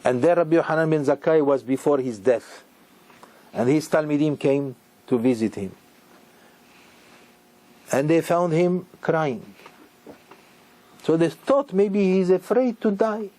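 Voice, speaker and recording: A man giving a sermon as a rabbi, speaking with emphatic repetitions and halting restarts. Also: a little high, dark tone.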